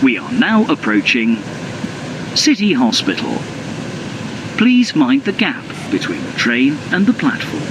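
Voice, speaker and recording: Man, train announcement, carriage speaker, noisy background, very sing-song pitch. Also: huge pitch swings. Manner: slow, measured automated announcing. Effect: onboard train announcement.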